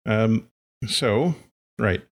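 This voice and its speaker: A man with a very deep, gravelly voice runs a tabletop role-playing game. He narrates in a halting, thinking-aloud way, full of fillers. His tone stays casual and friendly with the players. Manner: halting, with frequent fillers and laughs. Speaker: game master.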